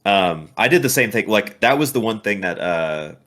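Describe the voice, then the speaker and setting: A man's voice: fairly low pitch, lively intonation, normal speed, a bit bright. A man in a casual chat who rambles and restarts his sentences. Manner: rambling, full of fillers and restarts.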